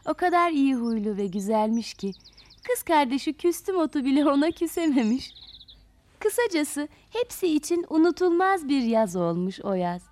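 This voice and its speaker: Expressive woman reading a children's tale. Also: high voice, normal speed. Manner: expressive, addresses young listeners. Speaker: storyteller. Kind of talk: children's story narration.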